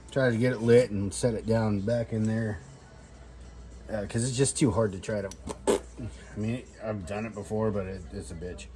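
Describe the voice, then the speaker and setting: With a warm, lowish voice, a man chats loosely as he works on a fire-starting demo for his outdoor vlog. He's a bit tipsy, rambling through drinking talk in a self-deprecating, salty-tongued way.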